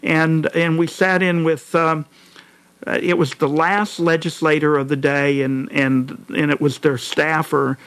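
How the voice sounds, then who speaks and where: A middle-aged man from California hosting a talk show, telling stories animatedly and mimicking others in a higher voice. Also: little pitch movement, unhurried, a bit bright, clean tone, no room sound. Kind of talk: conversational political commentary.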